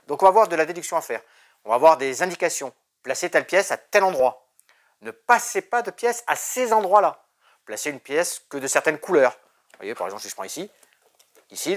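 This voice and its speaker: A man's voice: fairly high pitch, a bit bright. A man presenting board games in a shop, chatty and jokey, with many fillers. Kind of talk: casual game presentation.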